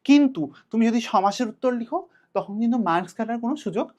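Young woman, Bangladeshi Bengali accent, teacher, quick delivery, urgent and direct, exam-prep lesson. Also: on the high side, animated, mellow. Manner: direct, urgent, talks to students as peers.

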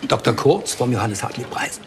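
An actor playing a courteous, busy older hospital administrator in a TV drama, speaking briskly and formally. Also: male voice, mid-range voice, lively intonation, background noise, natural voice. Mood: concerned.

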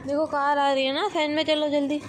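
A young woman narrating a casual family vlog, her voice high and bright, coaxing a small child as she films. She talks into a handheld phone outdoors, and the recording carries a steady hiss of background noise. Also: brisk. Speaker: family vlogger. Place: outdoor parking area and supermarket at night. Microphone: handheld phone camera. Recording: noisy phone video.

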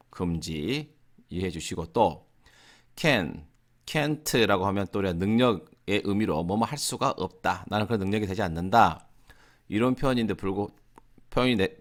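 A man teaching English grammar in an online lesson, giving slow, careful example sentences between casual explanations in English. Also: fairly low pitch, fairly bright tone.

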